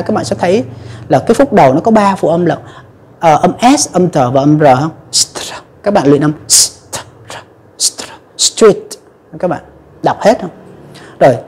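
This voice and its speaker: A woman gives a pronunciation lesson, teaching English to viewers by explaining patiently step by step, using frequent fillers. Her voice is fairly low, mellow, and husky.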